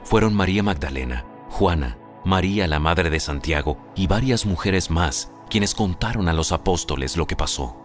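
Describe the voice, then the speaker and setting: Booming, very deep male Bible narrator. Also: expressive, moderate pace, few pauses. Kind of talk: dramatized scripted Bible narration. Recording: music under the voice.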